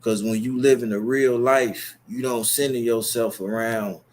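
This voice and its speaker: A young man with a Chicago accent, streaming on YouTube, speaks a little slowly in a mid-range voice with fairly even intonation. His long, boastful, profane monologue rambles straight at the viewers, with slight background noise in the recording.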